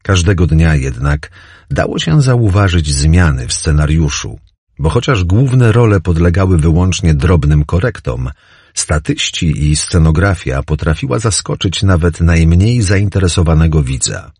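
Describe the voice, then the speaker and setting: A man narrating a novel as an audiobook, in a measured, descriptive storytelling manner. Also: deep voice, lively intonation, a little mellow, husky, no room sound. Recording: dry close recording.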